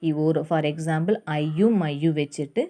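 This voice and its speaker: A woman with a Malayali English accent teaches a grammar lesson in a slow, deliberate way. Her voice sits low and sounds mellow, and she keeps checking in with the class as she explains, switching between Malayalam and English.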